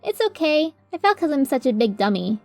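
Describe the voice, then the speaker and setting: A woman's voice: high-pitched, very animated, brisk. A woman voicing a sweet, bumbling, self-deprecating female pegasus, cheery and guileless, in a story reading. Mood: apologetic. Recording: music under the voice.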